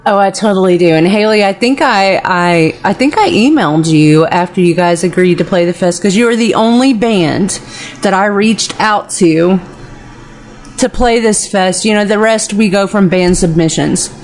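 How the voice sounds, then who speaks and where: A woman's voice: medium pitch, moderate pace. Gushing woman with the hiccups. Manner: gushing, apologetic. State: has the hiccups. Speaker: radio co-host and festival organizer. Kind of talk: casual chat, heavy swearing.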